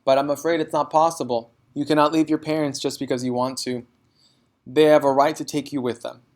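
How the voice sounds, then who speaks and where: A kindly woman teacher from a storybook voiced by a man. She talks in a calm, measured way, gentle yet matter-of-fact. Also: fairly high pitch, lightly acted. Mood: regretful.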